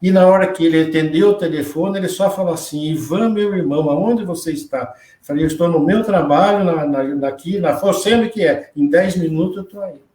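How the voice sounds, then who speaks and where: A man's voice: a little high, a little fast, darkish tone. A man, telling his personal story in earnest as an interview guest, often quoting what others said to him. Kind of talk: personal testimony in a live interview. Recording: roomy echo, distant from the mic.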